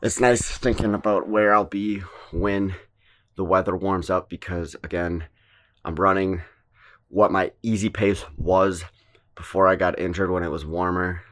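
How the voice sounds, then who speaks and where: Low-voiced man casually vlogging. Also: a little slow. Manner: relaxed, plain-spoken, thinks aloud with small restarts. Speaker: fitness vlogger. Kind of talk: casual vlog talk to camera.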